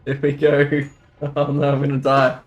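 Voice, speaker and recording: A man's voice: medium pitch, completely flat delivery, normal speed, lo-fi sound, over music. A man streaming a video game, talking casually as he plays. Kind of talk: casual chat while gaming.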